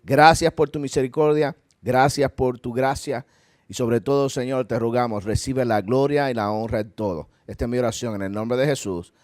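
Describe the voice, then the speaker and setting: In a church hall, a male pastor with a Puerto Rican Spanish accent delivers an earnest, conversational sermon with asides and a final prayer. His mid-range voice is darkish and normally paced, studio quality with no room sound.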